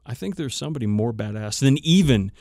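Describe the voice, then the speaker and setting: A podcast co-host bantering casually about tabletop wargaming, this man is emphatic, irreverent and swears constantly. His medium-pitched, slightly mellow voice is animated and fast, recorded cleanly in a studio with no room sound.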